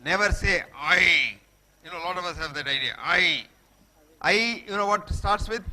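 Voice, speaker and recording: At a moderate pace, a man with a high, bright, forceful voice and a Telugu Indian accent addresses schoolchildren as a guest speaker. His motivational talk is emphatic, built on repeated short maxims, with frequent checks that the kids understand.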